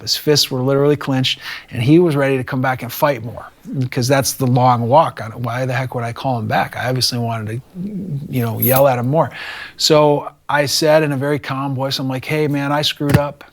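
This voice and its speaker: A middle-aged man, a teacher, telling a story from his classroom in a relaxed interview and acting out the lines of the people in it. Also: medium pitch, brisk. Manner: animated, acts out quoted dialogue.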